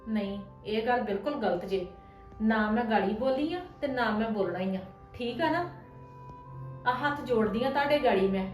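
A woman's voice: fairly high pitch, reverberant, soft background music, close to an everyday voice. A woman acting a young wife who feels wrongly blamed, speaking in a pleading, defensive way. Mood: hurt. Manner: pleading and defensive, quick talk. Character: hurt young wife, earnest and tired of blame. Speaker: daughter-in-law in a family drama. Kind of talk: scripted domestic drama acting.

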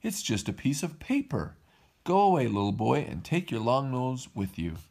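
A man voicing a gruff carnival ticket man in a storybook read-aloud, loud and barking. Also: mid-range voice, big pitch swings, normal speed, heavily acted.

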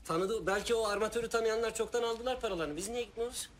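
An actor playing a volatile, furious sailor on a stranded ship, ranting and shouting threats. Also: male voice, sits high, fast, close to an everyday voice. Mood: raging rant. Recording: noisy background.

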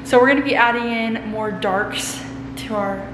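A woman's voice: on the high side, moderate pace, noisy background. A woman in her twenties vlogging casually, chatty and upbeat, filming herself at arm's length in an empty house. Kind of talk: casual vlog. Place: empty suburban house, indoors. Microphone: camera at arm's length. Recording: echoey empty room.

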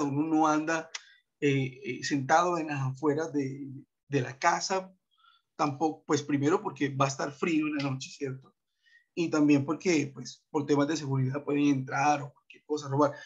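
Brief: coastal man, fairly high voice, teaching on a muffled video call, chatty with many "eh" and "¿sí?" checks. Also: slightly rough. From Montería, Colombian Atlantic coast. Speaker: English teacher. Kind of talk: online class talk.

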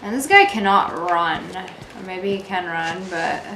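A woman's voice: on the low side, animated, measured pace, a bit bright. Jumpy young woman streamer, roomy and noisy. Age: young adult. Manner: jumpy, scared reactions mixed with muttering to herself. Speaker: horror game streamer. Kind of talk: casual let's play commentary. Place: small indoor room. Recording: roomy echo, noisy game ambience.

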